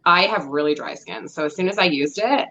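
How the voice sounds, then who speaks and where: A woman's voice: lowish voice, brisk, sharp tone, dull audio. A woman co-hosting a casual live stream, talking about skincare with enthusiasm. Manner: enthusiastic, uses "like" often. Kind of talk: casual live product chat.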